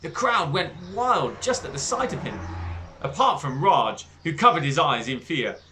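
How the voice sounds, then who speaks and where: Animated man reading a children's story. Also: on the high side, normal speed. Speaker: book club reader. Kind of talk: reading a children's book aloud.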